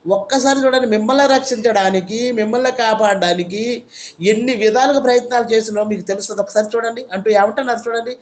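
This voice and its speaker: A woman's voice: a little high, fast, darkish tone. A woman preaching a sermon, asking emphatic rhetorical questions and repeating her points.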